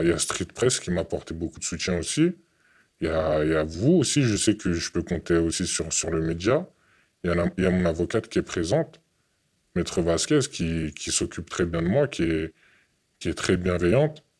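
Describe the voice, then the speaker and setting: Very deep-voiced young man, halting. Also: darkish tone, breathy edge. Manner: halting, repeats words, earnest. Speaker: interviewee. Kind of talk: testimony in an interview.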